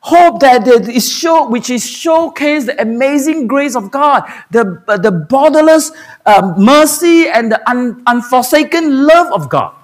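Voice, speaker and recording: A man preaches a Good Friday sermon from a church pulpit. His voice sits high and swings widely in pitch as he throws rhetorical questions at the congregation. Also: lively intonation, a little slow. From Singapore. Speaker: pastor. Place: church sanctuary.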